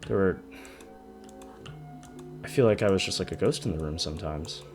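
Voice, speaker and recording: A deep-voiced man in his twenties rambles about his life in a personal vlog, hesitant and halting, often stopping to restart. Music plays in the background beneath his voice.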